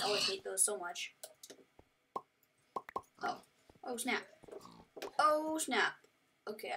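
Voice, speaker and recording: A woman giving casual, excitable and rambling commentary while she plays a video game. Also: on the high side, noisy background. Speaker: gaming commentator. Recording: voice set back from the mic over loud game music.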